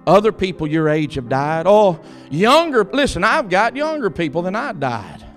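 A man's voice: high voice, big pitch swings, moderate pace, faint music behind. A man preaching a fervent, emphatic sermon and calling out to his congregation.

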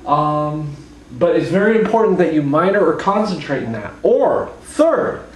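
A hungover young man gives a casual whiteboard lecture in a deadpan, slightly awkward manner. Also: a little high, measured pace. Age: young adult. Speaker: calculus lecturer. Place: living room at home, indoors. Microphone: camera mic from a few feet away. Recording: roomy, distant mic, faint noise.

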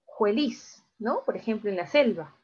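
A woman's voice: mid-range voice, darkish tone, husky, muffled recording. A woman teaching a recorded class, explaining step by step and checking in often with her students. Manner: slow, explains step by step with frequent check-ins.

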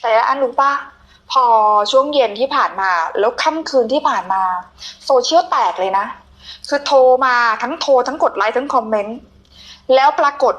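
High-pitched female TV interviewer. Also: expressive, moderate pace, fairly bright tone, low-quality recording. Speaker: TV show host. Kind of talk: conversational television interview.

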